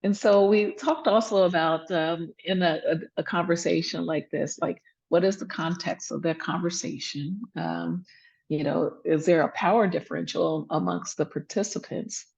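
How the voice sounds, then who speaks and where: Woman presenter, easygoing and chatty, gravelly voice, dull call audio. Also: fairly low pitch, steady tone, normal speed, darkish tone. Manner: chatty, lots of fillers and restarts. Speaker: workshop presenter, emergency physician. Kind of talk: laid-back workshop talk.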